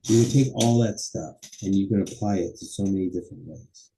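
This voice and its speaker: A man teaching a college public speaking class, lecturing casually and acting out quick everyday dialogue as examples. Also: sits low, creaky, noisy background. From Los Angeles area. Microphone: webcam or computer mic while presenting slides.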